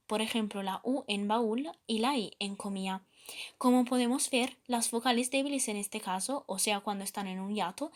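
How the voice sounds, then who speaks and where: A student presenter, a woman with a fairly high voice, reads a scripted grammar explanation. Her delivery is measured and steady, and she slows down to spell out each example.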